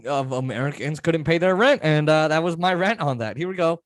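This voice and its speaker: A man with a fairly high voice that moves around a lot in pitch. He hosts casually, commenting on clips in amused, easygoing chatter, with very little room sound. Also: animated, a little fast, dry recording, studio quality. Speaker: podcast host.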